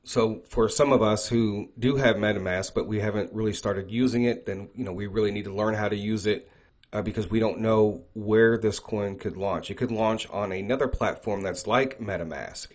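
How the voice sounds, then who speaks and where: A man's voice: fairly low pitch, moderate pace. A man hosting an online talk, speaking conversationally with many fillers and frequent "right?" check-ins. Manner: reads quoted prophecies aloud. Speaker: crypto channel host. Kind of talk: casual talk to camera.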